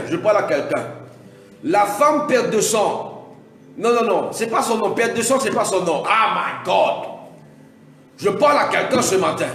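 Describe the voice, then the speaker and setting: A man preaching a Pentecostal sermon, repeating himself and punctuating his lines with alleluia, now and then building to shouts. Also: sits high. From Mauritius. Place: large church hall. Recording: echoey hall from far off, faint music.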